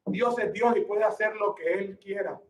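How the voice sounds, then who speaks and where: A man's voice: sits high, steady tone, normal speed, reverberant, far from the mic, low-quality recording. A man preaching a sermon with emphasis, asking rhetorical questions and calling the listeners brother.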